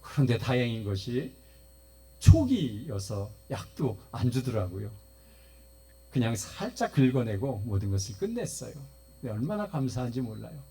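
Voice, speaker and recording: A man's voice: medium pitch, big pitch swings, normal speed, mellow, breathy edge. A man pastor preaching a Sunday sermon at a church service, telling stories and often turning to speak straight to the congregation. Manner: storytelling, often addresses the congregation directly.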